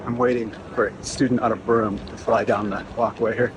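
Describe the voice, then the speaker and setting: As a visitor filming a campus walking tour, a middle-aged man speaks fairly quickly at medium pitch with a level tone. The vlog moves between outdoors and some indoor bits, and his narration is eager but offhand. Traffic ambience and outdoor urban noise are audible.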